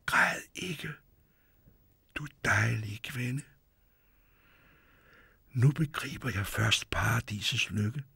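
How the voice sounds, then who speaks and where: A young storybook prince, earnest and torn, his voice low and hushed, sometimes sinking into a whisper, as a male narrator gives him voice. The voice sits fairly low and the sound is dry and close. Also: vocal fry, long pauses, slightly rough, dry recording, exaggerated voice.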